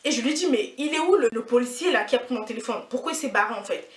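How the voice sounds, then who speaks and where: A woman's voice: on the high side, fast, noisy background. A woman in her twenties telling a story in a casual, indignant, slangy way, repeating herself for emphasis. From France. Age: 20s. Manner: indignant, animated, repetitive slangy retelling. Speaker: vlogger. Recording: echoey room, mic at a distance.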